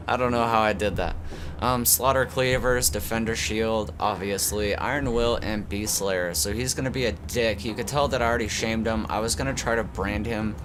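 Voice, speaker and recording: Over background noise, a gaming channel host with a lowish, steady voice talks at a moderate pace, congested from a cold so he sounds tube-like. His casual gameplay talk drifts around, full of fillers and restarts.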